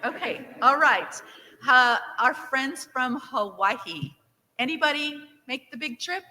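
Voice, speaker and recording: A Nevada woman who directs the event opens the conference with an interactive, upbeat speech, polling the crowd by show of hands and cheering the results. Her voice sits high and moves slowly, echoing through a large hall.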